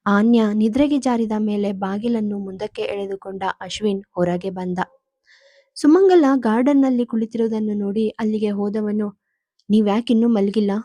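A woman storyteller narrating a family drama in a calm, even manner. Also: medium pitch, moderate pace, dry recording. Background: soft music.

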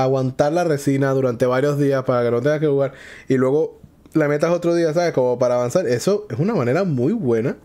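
Excitable Venezuelan man, lively voice. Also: a little high. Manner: loud exclamations, slangy, cursing, repeats words rapidly. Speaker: gameplay streamer. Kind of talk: excited gameplay commentary. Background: game music.

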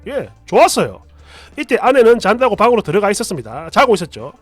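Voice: medium pitch, big pitch swings, fast talker, no room sound, faint music behind. A storyteller in scripted narration, telling a family story in a chatty, confiding way.

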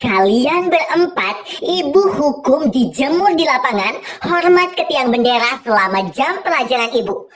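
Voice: high-pitched, big pitch swings, a little slow, hardly any pauses, a bit bright, exaggerated voice. A performer voicing a stern schoolteacher who scolds in formal speech, in a cartoon. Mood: scolding. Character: stern female schoolteacher, adult. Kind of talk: cartoon voice acting.

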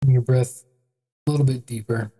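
With a calm, gentle manner and an unhurried pace full of pauses, an adult meditation guide leads a body scan. The voice sits at a medium pitch.

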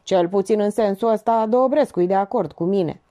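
A woman voicing a sharp, self-assured older female sleuth who talks briskly and ironically. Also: mid-range voice, lightly acted. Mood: ironic.

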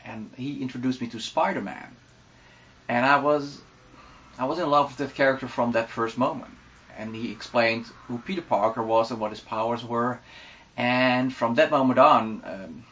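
A Dutch man in his forties with a Dutch accent, chatting relaxed and casually to camera with many fillers in a room lined with bookshelves. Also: medium pitch, slight background noise. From Netherlands. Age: 40s. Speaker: vlogger. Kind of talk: casual vlog talk to camera.

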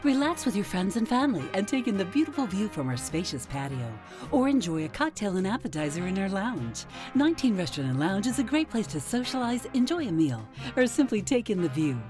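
Woman narrator, animated ad read, polished, music faint. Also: medium pitch, brisk, hardly any pauses. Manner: smooth, polished promo delivery. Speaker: commercial narrator. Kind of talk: scripted ad voice-over.

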